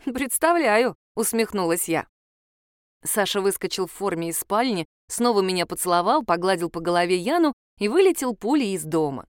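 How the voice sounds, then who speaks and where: A woman's voice: mid-range voice, expressive, fairly quick, clean tone. A woman narrating an audiobook in the first person. She tells the story expressively, and her voice rises and falls with plenty of life. The recording is dry and close, with no echo.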